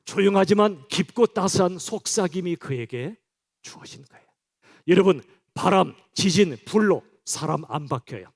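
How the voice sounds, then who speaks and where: Male pastor, higher-pitched voice, preaching to his congregation in a direct, chatty way. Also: lively intonation, normal speed. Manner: direct, conversational address to the congregation. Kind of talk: sermon. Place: church.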